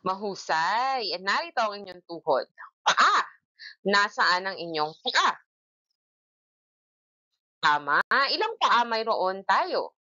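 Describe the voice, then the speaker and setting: A woman teaching a children's reading lesson, drilling words slowly and clearly by syllable and asking the class questions. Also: mid-range voice, big pitch swings, sharp tone, dull audio. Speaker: grade one teacher.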